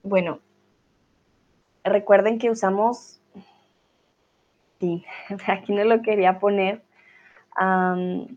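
A woman's voice: mid-range voice, steady tone, takes it slowly, pauses often, a little mellow, muffled recording. A woman teaching a live online grammar lesson, patiently reading out student comments and correcting them. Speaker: Spanish teacher.

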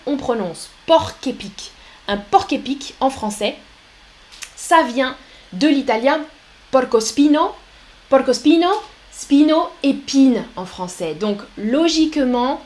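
A woman teaching a live French lesson, speaking slowly and clearly and reading out viewer comments. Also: fairly high pitch.

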